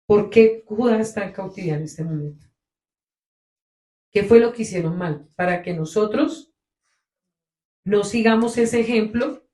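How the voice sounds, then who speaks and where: A woman preaching a sermon to her congregation. She talks with emphasis, swelling and dropping her loudness to stress her points. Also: mid-range voice. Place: congregation meeting room. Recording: echoey room.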